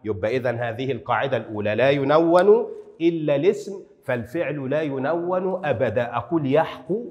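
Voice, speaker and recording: A man's voice: mid-range voice, lively intonation, fast talker, in a large hall, highs cut off. A man teaching a lesson on writing rules, asking his own questions and answering them, drawing out the example words with strong emphasis. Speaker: Arabic writing instructor.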